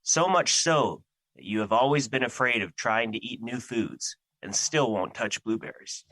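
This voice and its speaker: Audio drama: male actor as an ancient embodiment of fear, grandiose and troubled, forceful edge, dry recording. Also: medium pitch, normal speed, dry recording, close to an everyday voice, low-quality recording. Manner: formal, grandiose, theatrical.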